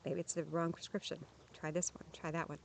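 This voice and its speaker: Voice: mid-range voice, little pitch movement, a little fast, vocal fry, slight background noise. A vlogger talking candidly to camera outdoors at a campsite, sharing lived experience in a frank, earnest, plainspoken way with frequent restarts. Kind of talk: candid personal talk to camera.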